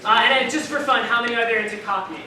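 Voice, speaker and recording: A woman teaching a dialects class, brisk and upbeat, quizzing her students before a performance. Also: on the high side. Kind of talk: classroom introduction with quiz questions. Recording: echoey room, far mic, noise.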